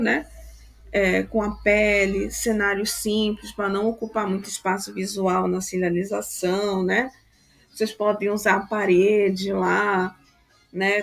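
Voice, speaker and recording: Woman, Brazilian Portuguese accent, teacher, gravelly, medium pitch, casual instructions. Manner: informal, frequent tag questions, drawn-out slow words. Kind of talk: classroom instructions to students.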